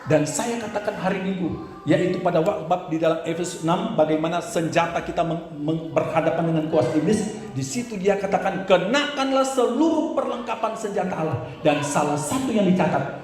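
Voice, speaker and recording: A male pastor tells a story from the pulpit with animated energy, often calling on his listeners as "saudara". His voice sits a bit high for a man. The sound bounces heavily around a very echoey church hall. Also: fairly quick. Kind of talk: storytelling sermon.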